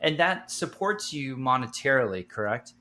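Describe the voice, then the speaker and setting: A man's voice: mid-range voice, animated, normal speed, pushed and bright. Rambling, cursing man co-hosting a podcast. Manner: rambling, swears freely. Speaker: podcast co-host. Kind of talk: casual podcast chat.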